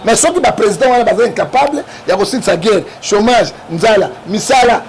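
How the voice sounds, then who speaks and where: High gravelly Congolese man, emphatic. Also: expressive, brisk. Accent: Congolese French. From Democratic Republic of the Congo. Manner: emphatic, keeps asking "hein?" to prod the listener. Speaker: interview guest. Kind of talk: animated political talk. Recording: noisy background.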